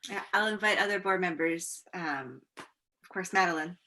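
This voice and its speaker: Woman chairing a board meeting, brisk, upbeat, bright tone, heard over a video call. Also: on the low side.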